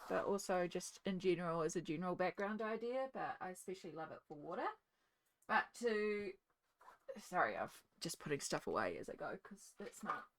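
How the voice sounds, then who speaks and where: A woman's voice: medium pitch, fairly bright tone. A woman hosting an art video, chatting casually through each step as she colours at her desk. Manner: chatty, narrates each step while working; talks one-handed with a cat in her lap. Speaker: art channel host. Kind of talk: casual narration while colouring. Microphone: desk microphone.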